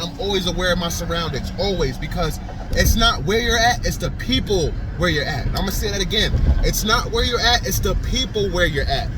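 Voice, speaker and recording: A man in his thirties rambles to his viewers in a loose, repetitive vlog style, his voice pitched a little high for a man. Faint traffic hums behind him outdoors. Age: 30s. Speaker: vlogger. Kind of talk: casual talking-head vlog.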